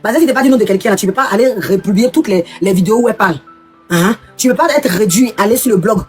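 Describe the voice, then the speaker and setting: A woman's voice: medium pitch, fast, husky, faint music behind. A woman hosting a live stream, ranting combatively at her critics and repeating her points. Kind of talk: heated live stream rant.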